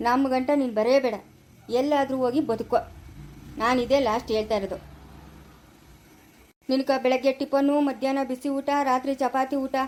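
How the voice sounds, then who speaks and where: A woman's voice: high voice, steady tone, normal speed, long pauses, a little mellow, natural voice, poor audio. A woman playing a stern older village father who turns his son away, speaking bluntly in a Chikkaballapura Kannada accent, in an amateur family drama. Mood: stern, scolding. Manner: blunt, scolding, repetitive.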